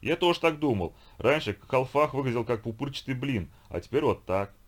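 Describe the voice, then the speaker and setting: A man voicing a huge, hot-tempered bearded viking who curses and shouts in exasperation. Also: medium pitch, expressive, a little fast, pitched above the performer's own voice, close to an everyday voice. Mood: gruff, exasperated. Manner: loud, cursing, exasperated shouting.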